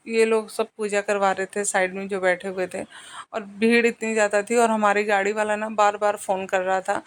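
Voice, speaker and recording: A young woman narrating her family trip in a casual, rambling vlog, talking to her viewers as friends. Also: mid-range voice. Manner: chatty, addresses viewers as friends; rambling with fillers and restarts. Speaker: family vlogger.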